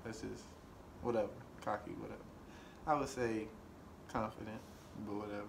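A man's voice: on the low side, level tone, moderate pace, creaky, a little hiss or hum. A young man chatting casually with his best friend, joking around and bragging in a laid-back way. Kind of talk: casual chat.

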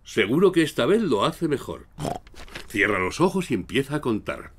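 A man voicing a kindly, playful father pig in a children's cartoon, with a Castilian Spanish accent and a gently teasing manner. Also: mid-range voice, sing-song, normal speed, slight background noise, close to an everyday voice. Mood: helpful.

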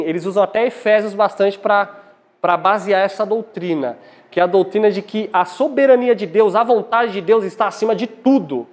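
This is a church-congress lecture by a young Brazilian preacher: a Bible teaching sermon with scripture reading, delivered at a lectern in a small indoor hall. His voice is high and a little mellow, captured on a lapel mic. His style is didactic, broken by pauses where he questions the listeners.

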